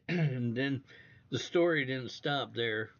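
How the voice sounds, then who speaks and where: A man's voice: medium pitch, takes it slowly, vocal fry, highs cut off. A man hosting a livestream, telling a rambling, profane story in casual chat. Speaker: livestream host.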